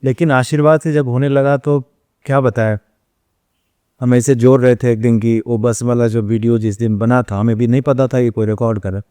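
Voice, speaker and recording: A man sits for an interview and tells long stories, playing out the questions people ask him and his own sharp replies. His voice sits in a middle register. It is recorded dry and close, with little room sound. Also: mid-range voice, steady tone, moderate pace, clean tone, dry recording. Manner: storytelling, acts out quoted questions and replies; mixes English phrases into speech. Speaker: interview guest, runs an ashram cow shelter. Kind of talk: casual interview conversation.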